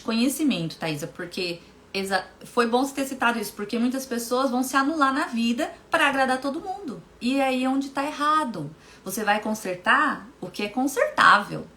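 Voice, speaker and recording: A woman's voice: a little high, fairly bright tone. A woman, a hypnotherapist hosting a live stream, talking emphatically to viewers, repeating key phrases and greeting them by name. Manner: addresses viewers directly by name. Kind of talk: casual motivational live talk.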